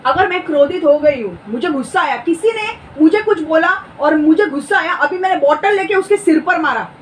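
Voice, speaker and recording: Woman Bible teacher with a high voice. Interactive and checks on her listeners a lot. Slow, stressed verse reading. Off-mic, light noise. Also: lively intonation. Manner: keeps checking the listeners understand; reads scripture slowly with emphasis. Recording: distant mic with faint background noise.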